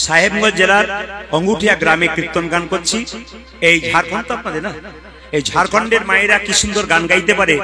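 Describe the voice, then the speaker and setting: A man with a Bengali accent leading a village kirtan, chatting and teasing the crowd between loud chanted calls. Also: high-pitched. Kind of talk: live devotional kirtan with call-and-response chanting. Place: outdoor village gathering with an audience. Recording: live music over a PA.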